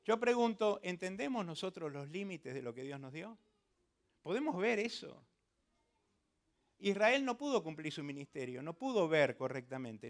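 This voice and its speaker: A man preaching a sermon as pastor, exhorting the congregation and putting questions straight to them. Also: fairly high pitch. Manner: preaches with rising emphatic exhortation; addresses listeners directly with questions.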